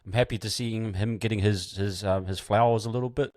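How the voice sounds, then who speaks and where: A host talks in a low voice. His sound is dry and close, and he is relaxed and thoughtful, often stopping to restart his sentences. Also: fast, dry recording. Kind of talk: casual chat.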